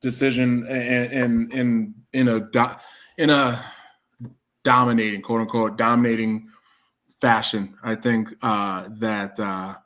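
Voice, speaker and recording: A man's voice: medium pitch, level tone, slow, a bit bright. A man with a Wisconsin accent hosting a casual podcast chat, rambling through thoughts with frequent restarts. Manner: rambling, many restarts and fillers. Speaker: podcast host.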